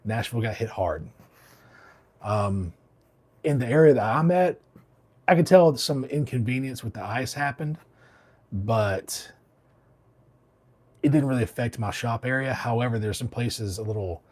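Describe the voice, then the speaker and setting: A man's voice: mid-range voice, expressive, measured pace, pauses often, a little mellow. A man from Alabama, hosting a barber livestream, chatting casually and reading out comments while a bit under the weather. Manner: rambling, laid-back, many fillers and restarts.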